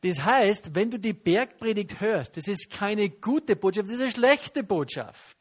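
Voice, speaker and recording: A man preaching a teaching sermon. He talks in a lively, questioning way, turning to the listeners and acting out the people he quotes. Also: sits high, measured pace, husky. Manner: lively, asks the audience questions and acts out quotes.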